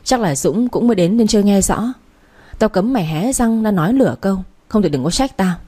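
A woman's voice: mid-range voice, animated, brisk, mellow, husky. A woman voicing a jealous, threatening woman rival who snarls her words. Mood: menacing.

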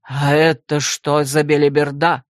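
A woman voicing an irritable aristocratic male academy rector who growls and snaps in a lowered voice. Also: unhurried, no room sound, studio quality. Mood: exasperated. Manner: gruff, shouting, exasperated.

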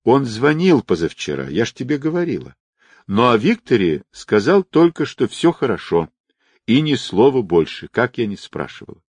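A man reading aloud, voicing a calm young woman who soothes her friend in a matter-of-fact way. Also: mid-range voice, moderate pace, slightly rough, no echo, pitched above the performer's own voice. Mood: reassuring.

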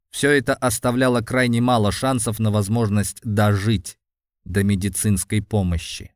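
A man's voice: lowish voice, a little mellow, no room sound, clean studio sound. A man reading scripted fantasy fiction as a dramatic audiobook narrator.

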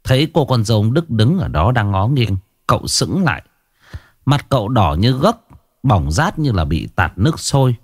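A man's voice: medium pitch, normal speed, dry recording, studio quality. Wry storyteller man. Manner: wry, expressive. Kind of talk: comic ghost-story narration.

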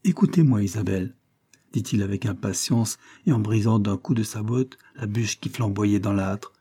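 A man reading a classic novel aloud as narrator, in a measured, even manner. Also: on the low side, slightly rough. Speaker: audiobook narrator. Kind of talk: scripted narration of a 19th-century novel.

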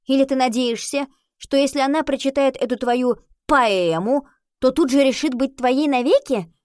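A woman voicing a sharp-tongued teenage schoolgirl who wants to write a book, exasperated and sarcastic, in an audiobook. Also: high-pitched, moderate pace, no room sound, clean studio sound, pitched above the performer's own voice, natural voice. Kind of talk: audiobook reading.

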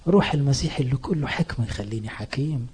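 A man with an Egyptian accent preaching a sermon as a priest, earnest and emphatic, rising in pitch on scripture quotes. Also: animated, fast, darkish tone. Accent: Egyptian Arabic.

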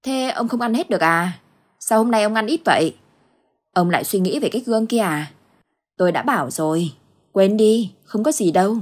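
Woman reading as a brisk, scolding old village wife; husky voice. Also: mid-range voice, animated, close to an everyday voice. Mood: coaxing. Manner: scolding, dismissive.

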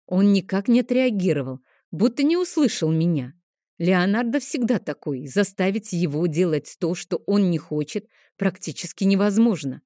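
A woman with a low, warm voice reads a first-person story aloud, gentle and expressive. The sound is close and dry, with no room around it. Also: moderate pace, no room sound. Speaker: audiobook narrator. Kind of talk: first-person audiobook narration.

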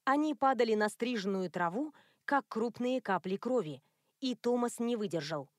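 A woman reading a novel aloud as an audiobook narrator, in an even, measured way. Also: on the high side, no echo. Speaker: audiobook reader. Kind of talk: scripted narration.

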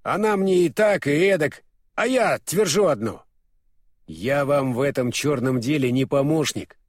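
A man's voice: fairly high pitch, measured pace, no room sound, studio quality. A man voicing a stubborn, boastful former king, a reformed middle-aged man, in an audiobook. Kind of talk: audiobook character voice.

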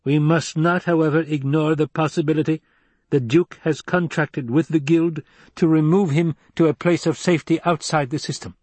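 This audiobook performer has a steady, slightly mellow male voice at a normal pace, close to everyday speech, with no echo. His character is a supercilious, clever adviser who explains schemes coolly and analytically, in precise, formal, higher-pitched delivery.

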